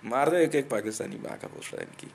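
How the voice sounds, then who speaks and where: A man's voice: mid-range voice, expressive, fairly quick, gravelly, a little hiss or hum. A man from India delivering a profane ranting monologue, aggressive and taunting, swearing constantly and laughing between threats.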